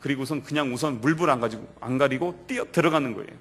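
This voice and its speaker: A male pastor preaching to a youth service in a church, telling the story vividly and swinging between loud and quiet. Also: mid-range voice, fast talker, husky. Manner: animated storytelling that acts out quoted lines. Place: church sanctuary.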